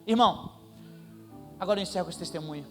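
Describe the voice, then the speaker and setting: A pastor delivers a sermon testimony in a high, lively voice. He tells the story with comic timing and animated energy. Faint music sits under his voice in the church. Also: quick pace.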